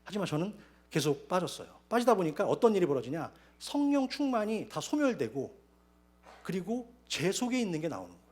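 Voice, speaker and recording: A man preaching a sermon as pastor, telling his own story with lively storytelling. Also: high voice, fairly quick. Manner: animated storytelling, acting out quoted voices. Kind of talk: sermon with personal testimony. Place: church sanctuary.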